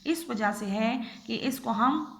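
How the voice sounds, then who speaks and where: A woman teacher, giving a recorded lesson to young children and repeating each phrase slowly and patiently. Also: fairly high pitch, creaky, fairly bright tone.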